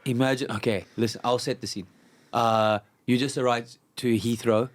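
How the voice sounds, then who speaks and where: A man's voice: mid-range voice, steady tone, normal speed. A man from South Africa hosting a casual podcast chat, joking, telling stories and laughing often. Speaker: podcast host.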